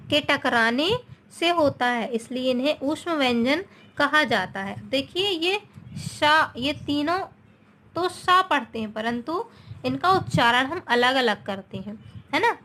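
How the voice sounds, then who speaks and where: Slow, high-voiced woman teaching grammar. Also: a bit bright, a little hiss or hum. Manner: slow, repetitive, checks in with "है ना"; mixes in English words. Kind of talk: classroom grammar lesson.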